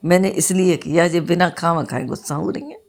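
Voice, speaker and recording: A woman doing a calm, wise boy Ganesh. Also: on the high side, fairly quick, natural voice. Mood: calm explaining. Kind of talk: folk tale storytelling.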